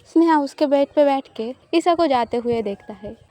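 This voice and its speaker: A woman storyteller narrating an audio love story in a steady, even way. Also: sits high, moderate pace.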